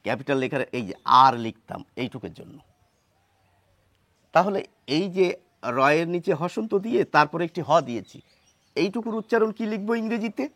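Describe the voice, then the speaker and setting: Male teacher, high-pitched, patient and repetitive, dry close mic. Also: expressive, fairly bright tone, no room sound. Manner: patient, explanatory, repeats sounds slowly. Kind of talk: whiteboard pronunciation lesson.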